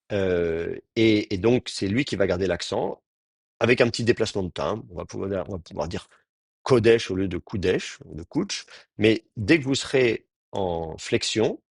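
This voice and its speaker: A man lecturing a language class in a patient, explanatory way, often restarting his sentences mid-thought. His voice sits a bit low and sounds slightly husky. The sound is very dry. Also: no echo. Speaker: teacher. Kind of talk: Hebrew grammar lecture.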